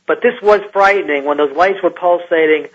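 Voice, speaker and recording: A man who is a scientist recounts an encounter in a radio interview, halting and restarting often as he talks. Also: fairly high pitch. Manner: halting, with many restarts and fillers. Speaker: guest scientist. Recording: muffled lo-fi radio line.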